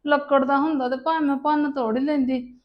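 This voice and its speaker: A woman's voice: high-pitched, fairly even intonation, brisk, muffled recording, natural voice. A woman playing a fretful, grumbling and demanding mother-in-law in a family drama. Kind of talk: dramatic monologue and phone dialogue in a family serial.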